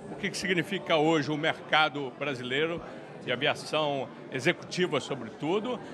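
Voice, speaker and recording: A Brazilian man in his sixties interviews guests at an event in a rambling, flowery, halting way, holding a handheld microphone. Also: a little high. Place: indoor reception event at a hangar. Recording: busy event crowd chatter behind.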